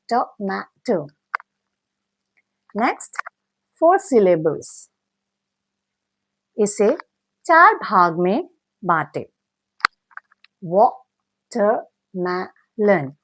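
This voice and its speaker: A woman teacher explains phonics in an unhurried, carefully paced lesson. Her pitch moves a lot, lifting on each example word as she sounds it out piece by piece. The recording is dry and close, with no room around her. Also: dry recording. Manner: spells out sounds and syllables slowly, mixing in English words. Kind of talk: slow scripted lesson narration.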